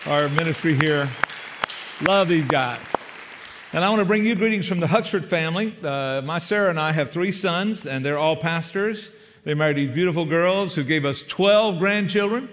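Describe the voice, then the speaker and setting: An older man from Savannah, Georgia, preaches a sermon as a guest pastor in a church sanctuary, folksy and joking as he calls for amens in a South Georgia accent. His voice is a little high and fairly bright, with a big-room sound.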